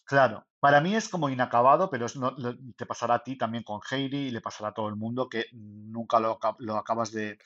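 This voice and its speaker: A man's voice: mid-range voice, fast, hardly any pauses, a bit bright. Spanish man co-host, loose rambling chat, slightly dull recording. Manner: rambling, many restarts and fillers. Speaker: podcast co-host, self-published photographer. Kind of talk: casual chat.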